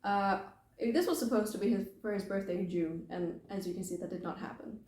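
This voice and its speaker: A young British woman talks casually as the host of a knitting podcast, wandering off on tangents and gently poking fun at herself. Her voice is mellow and soft-edged, sitting at an ordinary pitch for a woman. It was recorded at home in a room that gives it a noticeable echo. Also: fairly quick. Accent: British English. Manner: rambling and self-deprecating, full of "like". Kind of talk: casual chat. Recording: roomy echo.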